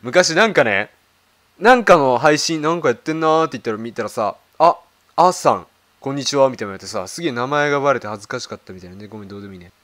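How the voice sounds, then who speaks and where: A man's voice: medium pitch, animated, rapid-fire, fairly bright tone. A man making casual reaction commentary as he browses videos, thinking aloud with lots of fillers and questions to himself. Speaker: video creator.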